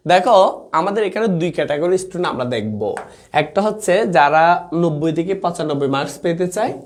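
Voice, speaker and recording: Man, young, teacher, casual live lesson, keeps asking if students follow, fairly high voice. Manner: informal, chatty, reads out comments, asks "কেমন?" often. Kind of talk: live online exam-prep class.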